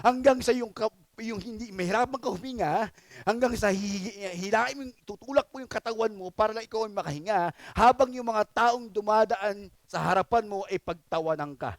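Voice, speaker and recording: A man's voice: high-pitched, moderate pace. A man preaching a sermon as pastor, emphatic and often checking in with the congregation.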